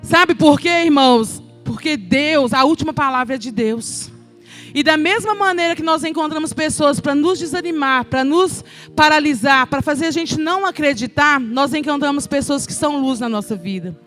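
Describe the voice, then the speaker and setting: Woman, middle-aged, Brazilian accent, high voice, emotional testimony sermon to a congregation, faint music under it. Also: normal speed, a bit bright. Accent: Brazilian Portuguese. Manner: emotional, addresses the congregation as brothers. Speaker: children's ministry speaker.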